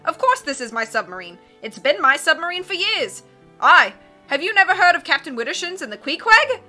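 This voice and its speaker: A woman voicing a blustering, excitable male submarine captain from a storybook, roaring and constantly changing his mind. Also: very high-pitched, faint music behind, voice pushed up, full character voice. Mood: boastful, loud. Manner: roaring, self-contradicting, rapid changes of mind.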